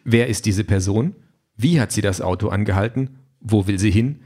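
A man's voice: lowish voice, normal speed, a little mellow. A man reading an audiobook chapter aloud in a dry, wry storytelling manner. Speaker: audiobook narrator. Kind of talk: scripted narration.

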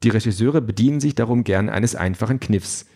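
A man's voice: on the low side, fairly quick, dark tone. A man narrating an audiobook in a dry, wry storytelling manner. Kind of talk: scripted narration.

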